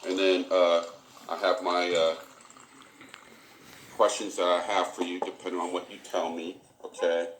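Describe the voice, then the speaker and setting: A man with a deep voice runs a formal recorded interview as an investigator. He speaks haltingly and procedurally, often repeating himself. The sound is a dictaphone-style recording with clear room echo. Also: flat delivery, slight background noise. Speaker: police internal affairs interviewer. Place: indoor room. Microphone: tape recorder in the room.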